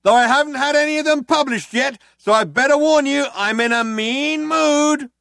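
Man playing a whiny wannabe-writer cop, high, drawling. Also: normal speed, gravelly, no room sound, studio quality, exaggerated voice. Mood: sulky drawl. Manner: drawling, sulky, yelling. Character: second male cop, sulky would-be novelist.

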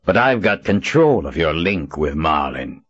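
Man voicing audiobook villain, gravelly, very deep, slow, taunting, menacing. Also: big pitch swings, dry recording, highs cut off, heavily acted. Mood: mocking. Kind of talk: audiobook character voice.

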